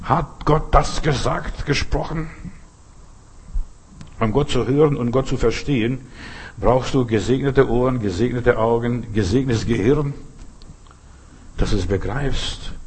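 A man's voice: mid-range voice, moderate pace, darkish tone, slightly rough. A man preaching a sermon, speaking to his listeners directly and often asking them questions.

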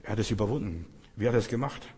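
Man, preacher, sermon, husky voice, earnest and repetitive, long hall reverb. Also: lowish voice, expressive, racing, dark tone. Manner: earnest, repetitive, speaks directly to the listeners. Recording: long echo of a large hall.

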